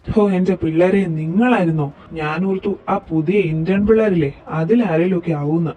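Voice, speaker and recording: A man playing a nosy, fussy older office worker in a fan audio drama, scolding but fatherly, with a husky voice. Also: sits high, fairly quick, warm tone, faint music behind.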